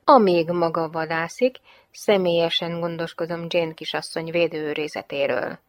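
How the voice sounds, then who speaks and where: A woman voicing a commanding middle-aged male police chief giving brisk orders. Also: fairly low pitch, fairly even intonation, no echo, close to an everyday voice.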